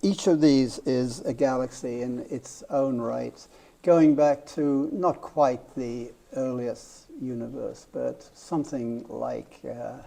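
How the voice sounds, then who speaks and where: Older man, English accent, rambling, self-deprecating, mellow dark voice. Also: medium pitch, fairly even intonation, takes it slowly, creaky. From Wales. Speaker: guest author. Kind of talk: casual interview.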